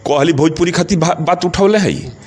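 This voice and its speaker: A middle-aged man with a Bhojpuri accent speaking passionately in an interview, asking rhetorical questions and rising in pitch on his points. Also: moderate pace, a little mellow. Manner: emphatic, rhetorical questions, rises in pitch when stressing points.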